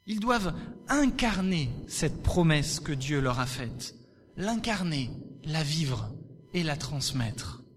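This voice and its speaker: A man reading a Bible passage aloud and then teaching on it, in an expressive and measured way, asking questions of his listeners. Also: a little high.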